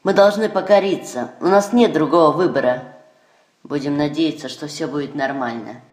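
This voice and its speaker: Fairy-tale drama villager male actor, deferential and worried, slightly high voice with noticeable room echo. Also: moderate pace, darkish tone, lightly acted. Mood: resigned, anxious. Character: anxious submissive male villager urging obedience to new ruler.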